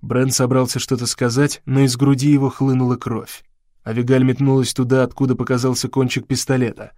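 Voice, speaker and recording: A man narrating an audiobook in an ordinary mid-range voice, measured and dramatic. The recording is close and completely dry. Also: mid-range voice, little pitch movement, warm tone, dry recording.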